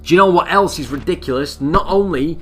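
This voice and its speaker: A young man commentating a video game, excitable and swearing freely as he talks to his viewers. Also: fairly high pitch, brisk, breathy edge, soft background music. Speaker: gaming commentator. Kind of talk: let's play commentary.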